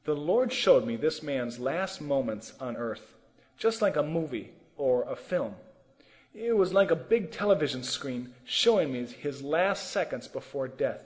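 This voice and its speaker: A man's voice: a little high, animated, unhurried, in a large hall. A man telling a sermon testimony with earnest, emotional storytelling. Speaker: testimony preacher.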